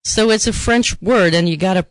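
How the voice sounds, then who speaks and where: A woman's voice: mid-range voice, normal speed, no room sound. Chatty, opinionated woman on a dry mic. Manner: chatty, opinionated, playfully bossy. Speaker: podcast co-host. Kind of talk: casual chat.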